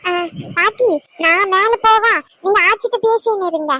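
Lady doing a tiny whiny cartoon boy, super high squeaky voice, talks quick and dry. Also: bright, forceful tone, no echo. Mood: insistent. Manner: insistent, whiny. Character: small pleading boy, grandson. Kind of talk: cartoon voice acting.

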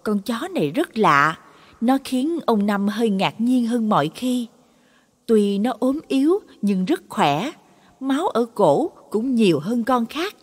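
Brief: female storyteller, dramatic scripted narration, breathy tone, reverberant sound. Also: a little high. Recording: long reverb on voice.

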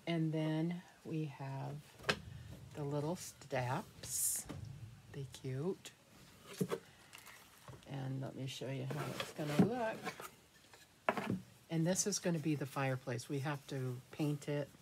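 Speaking slowly with long pauses, this deep-voiced American craft vlogger in her fifties muses aloud during a casual show-and-tell, often leaving sentences unfinished. She's in a small, cluttered craft room indoors. The audio carries clear room noise and clicks from handling objects.

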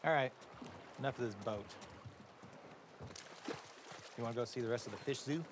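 A man playing a joking, excitable young man in video game dialogue. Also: mid-range voice, rapid-fire, background noise, natural voice. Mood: upbeat, joking. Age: young adult. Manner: joking, boyish, teasing. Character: playful, excitable young man, a soldier exploring ruins.

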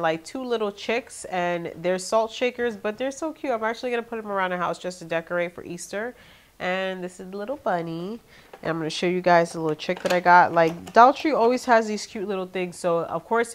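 In her living room, a young female vlogger with a lowish, nasal and congested voice runs quickly through her shopping haul. The clip is casual haul chat, lively and talkative, aimed directly at her viewers.

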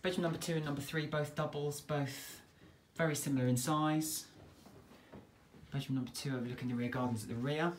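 Filmed on a handheld phone, an English estate agent leads a tour through a detached house for sale and out into the back garden. His fairly high voice moves at a fairly quick clip, and his narration is relaxed, chatty sales patter. There's slight background noise.

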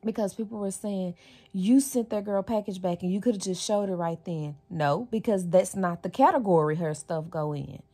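A woman's voice: mid-range voice, moderate pace, mellow. A woman, vlogging from her car and venting to her viewers in a frustrated, direct way. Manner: frustrated, venting straight to camera. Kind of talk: casual vlog talk. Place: parked car, dark at first then daylight. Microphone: phone camera on the dashboard.

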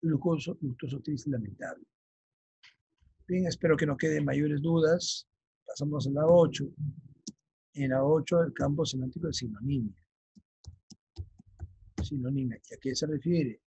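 Very husky, gravelly male teacher. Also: a little high, dark tone, dry recording, dull audio. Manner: checks understanding with frequent "ya?"; slow, emphatic dictation of key terms. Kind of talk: vocabulary lesson for exam prep.

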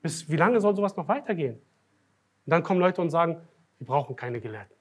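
A man giving a religious night lecture as a sheikh, swinging from quiet, low remarks to loud, emphatic declarations. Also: lively intonation, a little fast. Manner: grows loud and emphatic when making a point, drops low and soft at times. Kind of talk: Muharram night sermon. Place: lecture hall of a foundation.

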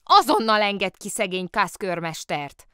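A woman's voice: on the low side, sing-song, no room sound, clean studio sound. A woman voicing an earnest little girl who tries to sound stern, asking urgent, demanding questions. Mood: stern worried.

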